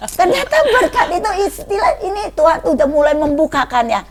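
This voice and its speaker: A middle-aged woman sharing a personal testimony in casual chat, an animated storyteller who laughs often and acts out the voices of the people she quotes. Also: extremely high pitch, fairly quick.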